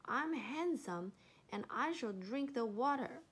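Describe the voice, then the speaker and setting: A woman's voice: on the high side, expressive, slow pace, a bit bright, slightly rough, full character voice. Woman doing a vain sneering leopard. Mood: haughty. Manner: sneering, haughty.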